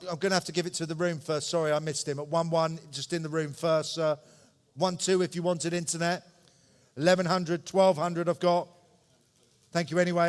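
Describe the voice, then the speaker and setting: A man works as a live auctioneer, his voice a little higher than average. He repeats numbers in short, brisk phrases and adds polite asides to the bidders. The sound carries a long reverb from a large indoor hall. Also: smooth. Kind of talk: live auction calling, running bid commentary.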